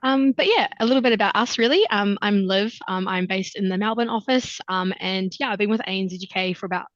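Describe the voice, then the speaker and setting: A woman's voice: medium pitch, fairly quick, no echo. A young woman hosts an online info session, chatty and loose, filling her talk with ums and likes. Her voice sits in a middle range and sounds dry. The video call audio is slightly muffled. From New Zealand. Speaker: recruitment consultant hosting a webinar. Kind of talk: casual webinar presentation.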